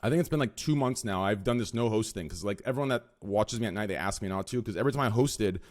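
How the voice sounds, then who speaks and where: A man's voice: fairly low pitch, fast talker. A young man hosting a casual podcast with friends, brash and swearing, talking straight to his chat. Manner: brash, swearing, talks to chat, loud impressions. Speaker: streamer and podcast host.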